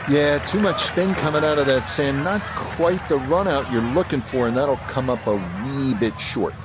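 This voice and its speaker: A man giving measured golf commentary as lead announcer, appreciative of the shots he calls. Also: medium pitch. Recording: outdoor crowd and ambient noise behind. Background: crowd and outdoor ambience.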